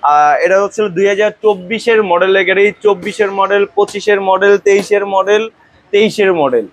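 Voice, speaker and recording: A Bangladeshi man giving an unscripted showroom sales pitch, with a used-vehicle dealer's boastful, repetitive patter. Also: a little fast.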